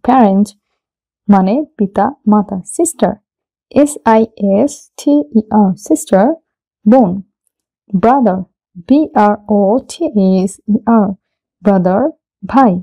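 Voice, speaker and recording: Woman slowly spelling out vocabulary words. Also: medium pitch, warm tone, low-quality recording. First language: Bengali. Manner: spells each word letter by letter, then gives the meaning. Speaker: English vocabulary teacher. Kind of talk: slow spelled-out vocabulary lesson.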